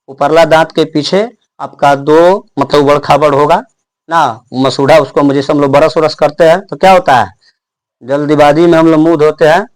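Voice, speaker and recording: A young male teacher with a slightly high voice gives a classroom lesson. He asks questions and answers them himself, slowing down to sound out each letter.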